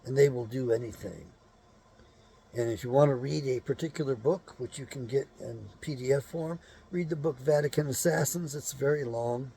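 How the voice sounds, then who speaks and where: A man's voice: medium pitch, moderate pace, creaky, mellow, a little hiss or hum. A man hosting his own show, talking in a blunt, rambling monologue full of cursing and rhetorical questions. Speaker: show host.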